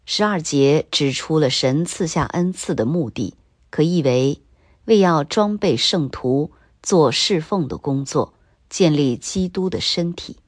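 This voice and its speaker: A woman reading a scripted Bible commentary in a slow, measured, even way. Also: low voice, dry recording, clean studio sound.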